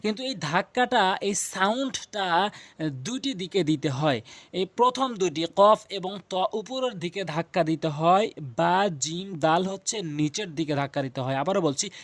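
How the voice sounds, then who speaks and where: High-voiced man teaching recitation. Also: lively intonation, fairly bright tone, no room sound. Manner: repeats and drills sounds slowly, emphatic. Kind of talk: instructional explanation.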